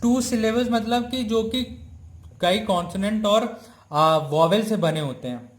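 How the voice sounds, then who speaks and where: A man teaching English grammar in a lecture, explaining slowly and repeating points, checking in with the class often. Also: sits high, reverberant. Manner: slow, repetitive explaining with frequent "theek hai?" checks; reads English rules out very slowly, word by word.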